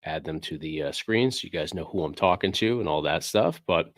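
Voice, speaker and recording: Sniffling as he gets over a cold, this livestream host talks from his game room into a desk microphone with a low pitch, lively intonation, and a brisk pace. The recording is dry, and his loose, rambling delivery is heavy on fillers as he reads out chat messages.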